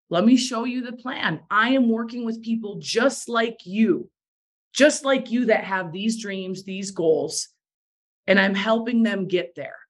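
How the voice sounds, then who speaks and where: A woman giving a motivational talk to a sales team, emphatic and repeating phrases for effect, with a bit of morning voice. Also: medium pitch. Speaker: direct sales team leader.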